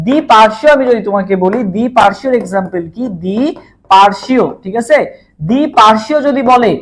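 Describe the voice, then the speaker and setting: Fast-talking tutor, drilling by repetition. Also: male voice, extremely high pitch. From Bangladesh. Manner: drills by repetition, asks questions and answers them himself. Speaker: exam-prep tutor. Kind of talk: live online class.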